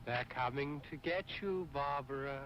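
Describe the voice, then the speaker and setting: A man's voice: medium pitch, normal speed, muffled recording, a loud crowd, natural voice. An actor playing a teasing young man who mocks his frightened sister, from an old film soundtrack. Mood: taunting. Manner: mocking, taunting.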